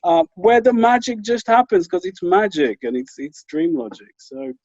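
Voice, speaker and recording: A male writer talking as a panel guest, animated and conversational, often restarting his sentences and leaning on "you know.". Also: sits high, normal speed, no echo. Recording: dull lo-fi call audio, dry.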